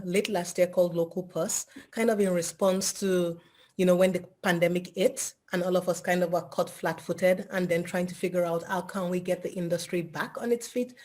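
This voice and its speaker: Low-pitched woman from Nigeria. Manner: relaxed, conversational with "you know". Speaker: photographer and startup founder. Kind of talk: panel self-introduction. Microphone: video call.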